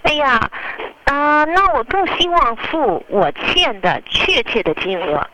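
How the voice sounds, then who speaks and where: A woman playing a customer in a scripted phone role-play, with deliberate, expressive phrasing. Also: high-pitched, noisy background.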